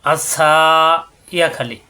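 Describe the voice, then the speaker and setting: A man whose first language is Bengali, teaching Quran recitation rules, drawing out each example word slowly and then explaining the rule briskly. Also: fairly high pitch, sharp tone. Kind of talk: tajweed lesson.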